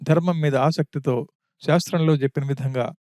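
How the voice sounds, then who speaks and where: A man voicing a calm, wise monkey counselor who consoles a widow with steady, sermon-like reasoning. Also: fairly high pitch, fairly quick, no room sound, studio quality, close to an everyday voice. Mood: consoling.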